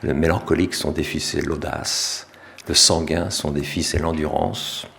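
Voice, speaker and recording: A middle-aged French man, an author, giving a relaxed public talk with small self-corrections. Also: extremely low pitch, moderate pace, creaky, slight background noise. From France. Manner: relaxed, self-deprecating, with restarts. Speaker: author and speaker.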